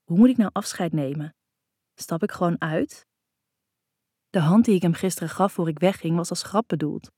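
A woman's voice: lowish voice, moderate pace, long pauses, dark tone, husky, dry recording, studio quality. A woman narrating a first-person novel in an intimate, reflective way. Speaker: audiobook narrator.

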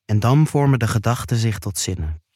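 A man reading a first-person erotic story aloud in a slow, hushed, intimate way. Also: lowish voice, lively intonation, breathy edge, no room sound, clean studio sound. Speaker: narrator.

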